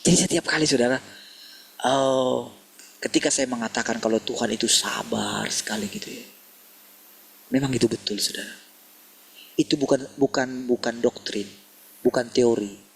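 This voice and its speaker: Gravelly-voiced man preaching a sermon. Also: medium pitch, normal speed, pauses often, a little hiss or hum. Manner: addresses listeners as "saudara", asks many rhetorical questions.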